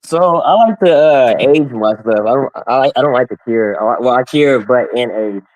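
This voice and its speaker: Relaxed, halting man guest. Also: mid-range voice, no echo, poor audio. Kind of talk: casual livestream chat.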